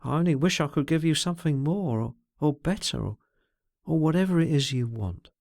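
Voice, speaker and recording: A man reading aloud, voicing an earnest, gentle young woman who speaks softly and sincerely. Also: a little high, sing-song, normal speed, creaky, dry recording, studio quality, pitched above the performer's own voice. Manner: soft, pleading, sincere.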